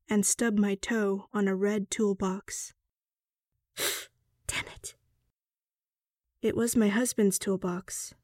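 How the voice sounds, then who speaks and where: A woman plays a weary suburban wife telling her own story in an audio drama. She is slow, mellow and wry, recorded dry with music behind. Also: mid-range voice, dry recording, lightly acted. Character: weary middle-aged suburban wife narrating her ordeal. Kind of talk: first-person scripted audio drama narration.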